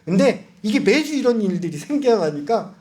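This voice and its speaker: Lively Korean preacher with animated delivery. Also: male voice, high voice, normal speed. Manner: lively, dramatic swings between loud calls and hushed lines; addresses the congregation directly with questions. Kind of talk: sermon.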